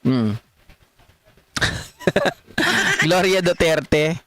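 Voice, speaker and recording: Chatty, high-voiced Filipino man. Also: huge pitch swings, extremely slow, pushed and bright, dry recording. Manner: chatty, laughs often, addresses viewers. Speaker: political livestream host. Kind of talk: casual live commentary reading chat.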